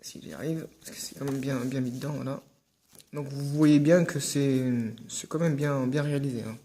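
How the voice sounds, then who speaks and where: A man's voice: medium pitch, fairly even intonation, normal speed, dark tone, slight background noise. A man casually hosting an unboxing video, hesitant with many fillers and restarts, joking asides to viewers.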